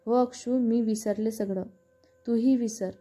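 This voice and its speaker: A woman's voice: on the high side, steady tone, unhurried, mellow, soft background music. A woman voicing a tearful, pleading younger sister. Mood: evasive. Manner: pleading, hesitant.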